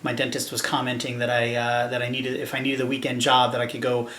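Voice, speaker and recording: A man's voice: medium pitch, completely flat delivery, fast talker, a bit bright, echoey room, a little hiss or hum. American man, slightly lisping after dental work. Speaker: vlogger. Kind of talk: casual vlog talk to camera. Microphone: camera microphone.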